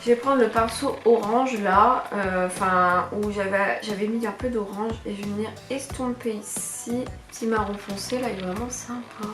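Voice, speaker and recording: A woman's voice: mid-range voice, steady tone, normal speed, few pauses, over music. A young woman chatting casually and enthusiastically while walking through a makeup tutorial as a beauty vlogger. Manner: chatty, enthusiastic about colors.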